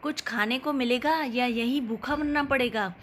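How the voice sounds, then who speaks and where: Scolding old mother-in-law, nagging, sharp-tongued, voice pushed higher, as a woman puts her on. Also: moderate pace, a little hiss or hum, close to an everyday voice. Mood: grumbling.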